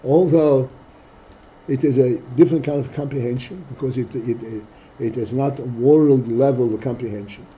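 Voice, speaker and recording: A man teaching a text study class, reading Hebrew phrases aloud and explaining them slowly in English, stopping now and then to clear his throat. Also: medium pitch, warm tone, dull audio, slight background noise.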